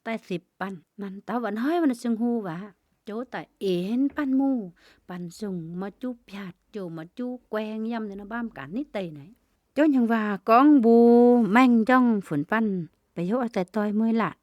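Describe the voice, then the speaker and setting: A woman's voice: on the high side, lively intonation, a little slow, no room sound. Woman preaching in rhythmic repeated phrases. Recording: dull, dry lo-fi recording.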